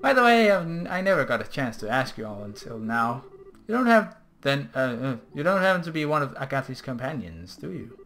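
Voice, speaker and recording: A man voicing a polite, gentle old village elder from a video game. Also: medium pitch, very animated, brisk, slight background noise. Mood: kindly.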